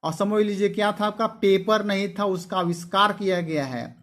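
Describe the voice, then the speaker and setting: High-voiced man teaching English words. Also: normal speed, fairly bright tone. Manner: keeps saying "look" and asks then answers his own questions; spells words out letter by letter. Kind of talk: explaining word meanings to students.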